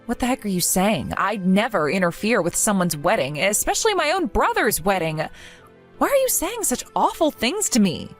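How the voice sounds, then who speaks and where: A woman's voice: medium pitch, very animated, moderate pace, soft background music. A young woman voicing an earnest, hurt young woman pleading with a friend who turned on her.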